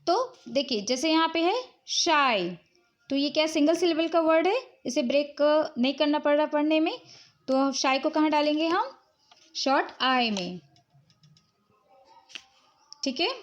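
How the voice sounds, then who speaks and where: A woman's voice: high voice, animated, measured pace, long pauses. A woman teacher explaining English spelling rules patiently, mixing in English words and checking in often. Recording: dull, lo-fi recording.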